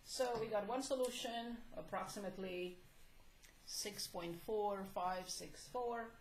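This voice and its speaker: A woman teaching a math class, hoarse and coughing, asking the class questions at a slow pace. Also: mid-range voice. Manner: slow, deliberate, prompting questions. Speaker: math instructor. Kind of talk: classroom lecture. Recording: echoey classroom, faint noise.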